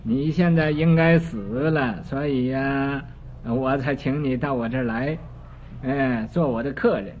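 A stern old king of the underworld, as a man puts him on in a story, speaks in a calm, measured, lecturing way. He talks slowly with many pauses. The recording is dull and lo-fi, with a faint hiss. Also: medium pitch, voice pushed down, natural voice.

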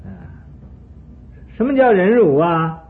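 A man voicing a jealous, hot-tempered ancient king who shouts scornful challenges, in a retold sermon story. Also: sits high, lively intonation, takes it slowly, pitched above the performer's own voice. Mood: angry, taunting. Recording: tinny phone-like sound with faint hiss.

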